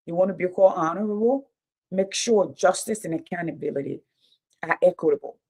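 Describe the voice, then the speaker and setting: A woman's voice: lowish voice, brisk, dark tone. Woman, 50s, livestream host; emphatic, repetitive, casual delivery. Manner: emphatic, repeats phrases for effect. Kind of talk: casual livestream talk and commentary.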